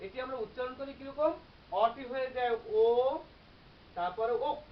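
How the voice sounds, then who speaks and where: A teacher giving a grammar lecture, explaining step by step and repeating example words slowly. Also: sits high. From Bangladesh. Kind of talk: classroom-style grammar lecture. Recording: slightly dull recording with faint hiss.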